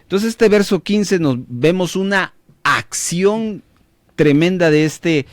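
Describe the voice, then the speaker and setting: Male radio preacher, Latin American Spanish accent, emphatic and lively in pitch, dry close mic. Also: slow, dry recording. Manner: preachy, emphatic, asks listeners questions. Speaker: radio Bible teacher and host. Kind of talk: radio Bible teaching. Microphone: studio microphone.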